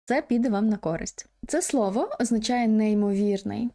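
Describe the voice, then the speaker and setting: A woman teacher patiently explaining pronunciation in an online language lesson, pausing often with hesitation sounds. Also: medium pitch, dark tone. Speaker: English teacher.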